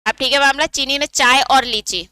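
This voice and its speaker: A woman's voice: high voice, moderate pace, sharp tone, no room sound. A woman teacher giving an exam-prep lesson, explaining step by step and asking her students questions that she answers herself.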